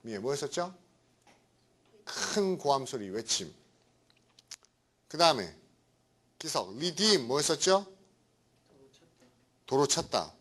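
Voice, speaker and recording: A man's voice: medium pitch, sing-song, takes it slowly, long pauses, fairly bright tone. A middle-aged man lecturing on English vocabulary to a class, chatty and often checking in with his students. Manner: chatty, keeps asking "right?".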